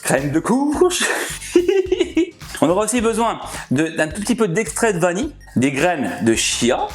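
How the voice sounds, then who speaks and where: A man's voice: sits high, very animated, measured pace, faint music behind. A man hosting a casual cooking vlog, chatty and jokey, who often laughs and talks straight to his viewers. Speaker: cooking channel host.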